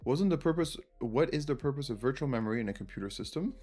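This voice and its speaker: Chatting with viewers and thinking out loud, a French-born livestream host with a French accent, French his first language, leads a casual live quiz. His medium-pitched voice is expressive, quick and darkish in tone, with faint music behind it.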